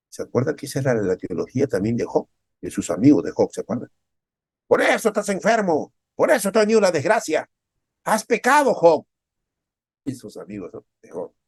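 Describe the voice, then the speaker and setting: Man preaching with lively quoted voices. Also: on the low side, husky, no room sound, clean studio sound. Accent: Peruvian Spanish. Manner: animated, often acts out quoted speakers in a raised voice; asks the listeners many rhetorical questions. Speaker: pastor. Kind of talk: sermon.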